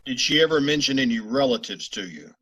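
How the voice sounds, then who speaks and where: Guy doing polite no-nonsense police sergeant, kinda husky, short businesslike lines, old radio cop drama. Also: medium pitch, very animated, brisk, pushed and bright, heavily acted, low-quality recording. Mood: probing. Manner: terse, courteous, businesslike. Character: polite, matter-of-fact male police sergeant, terse investigator. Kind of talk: 1950s radio police drama acting and narration.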